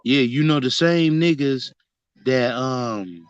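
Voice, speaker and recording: Male remote co-host on a breaking-up video call, slow and blunt with slang, lo-fi dry line. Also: mid-range voice, clear, resonant tone. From Northeast Ohio. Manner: blunt, heated, street slang. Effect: breaking-up, glitching video call audio. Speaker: podcast co-host. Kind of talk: casual sports debate.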